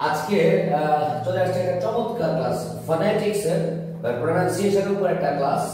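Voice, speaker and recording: A man teaching English pronunciation in a classroom-style lesson, slowly repeating example words aloud. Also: a little high, a little mellow. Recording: echoey hall, distant mic, faint music.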